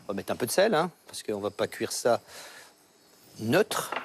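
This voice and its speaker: This chef's mid-range, creaky voice swings widely in pitch as he demonstrates a recipe at a measured pace, with background music and a little hiss or hum. He teaches step by step, checking comprehension with short tags.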